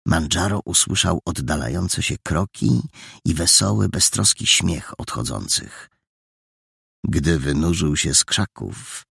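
A man with a very deep, gravelly voice reads a storybook in a steady, measured way. His tone is husky, and the recording is close and dry. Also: no room sound. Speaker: narrator. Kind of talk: scripted storybook narration.

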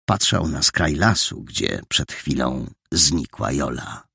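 A man narrating a children's novel as an audiobook, with expressive storytelling. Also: very deep voice, slow, vocal fry, breathy edge, no echo, clean studio sound.

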